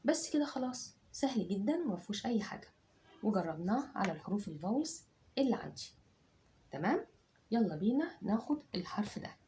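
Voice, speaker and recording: A woman's voice: mid-range voice, very animated, quick pace, mellow. An Egyptian woman teaching children phonics, her voice rising and falling with a lot of life as she drills each sound aloud. She keeps checking that they follow, over a faint hiss in the background. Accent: Egyptian Arabic. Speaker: English teacher.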